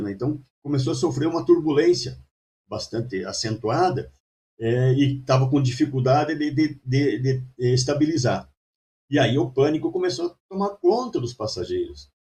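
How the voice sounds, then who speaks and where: A man with a slightly high voice tells stories as a guest. He stumbles and repeats words as he goes. He sounds a little distant from the microphone. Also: mellow. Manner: hesitant, many repeated words. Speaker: guest storyteller. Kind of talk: anecdotal storytelling in a talk show.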